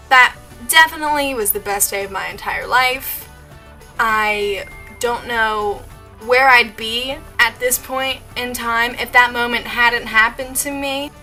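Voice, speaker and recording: A woman's voice: a little high, sharp tone. A young woman telling a story in a casual vlog, gushing and giggly, with lots of "like" and restarts. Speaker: vlogger.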